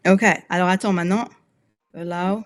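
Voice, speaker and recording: A woman's voice: fairly low pitch, steady tone, normal speed, a little mellow, slight background noise. A woman in her forties hosting a live webinar as a mobility coach. She talks casually and directly, uses many fillers and laughs often.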